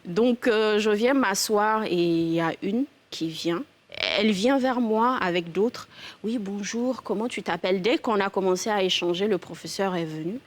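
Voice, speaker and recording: A woman from Niger in her thirties with a Nigerien French accent, chatting as a guest on a talk show and telling her story in a relaxed way. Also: mid-range voice, moderate pace. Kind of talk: casual talk-show chat.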